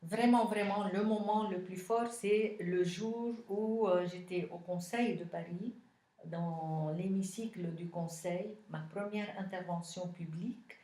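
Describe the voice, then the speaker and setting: A woman from Lebanon with a Lebanese accent, answering interview questions as a city councillor, thoughtful and pausing often. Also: lowish voice, dark tone, reverberant. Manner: thoughtful, many pauses and hesitations.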